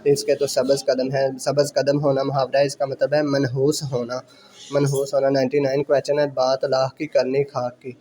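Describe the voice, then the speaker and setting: Man drilling quiz answers, flat delivery. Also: medium pitch. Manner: repeats each question and answer slowly for dictation; mixes English exam terms into his speech. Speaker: exam prep teacher.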